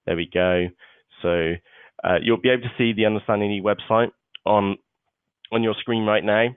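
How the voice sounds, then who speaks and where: This man's low voice comes through clear and resonant despite the tinny web conference line, with a steady tone, normal speed and no reverb. Hosting a live webinar walkthrough, he talks chattily and keeps saying "okay" and "uh."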